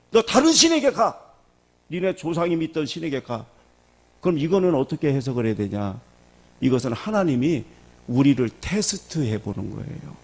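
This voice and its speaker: A man's voice: on the high side, creaky, darkish tone. A middle-aged male pastor preaching a sermon in a church, asking the congregation questions as he goes. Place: church sanctuary.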